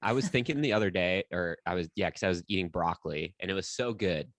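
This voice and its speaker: A man's voice: low voice, quick pace. A man in his thirties co-hosting a podcast, laid back, chiming in with short remarks in casual chat. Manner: laid-back, brief interjections. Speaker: podcast co-host.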